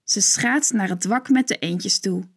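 A woman narrating a children's story in a gentle, clear storytelling manner. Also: medium pitch, a little slow.

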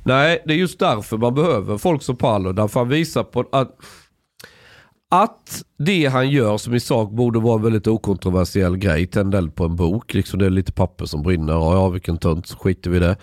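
A man's voice: fairly low pitch, dry recording, studio quality. A man on a podcast, chatting casually, jumping in and arguing his point at length. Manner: opinionated, interjects and argues a point. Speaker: podcast host. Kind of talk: casual chat.

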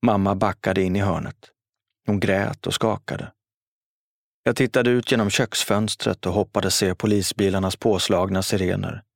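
A man reading a first-person story aloud in a steady, solemn manner. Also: deep voice, creaky, dry recording, studio quality. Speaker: narrator.

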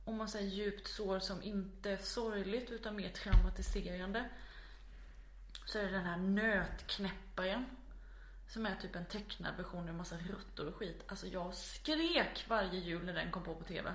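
A woman chatting as a guest on a podcast, telling stories and acting out what people said in a loud, animated way. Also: medium pitch, roomy sound, slight background noise. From Småland, Sweden. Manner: lively storyteller, acts out quotes loudly. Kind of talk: casual podcast chat.

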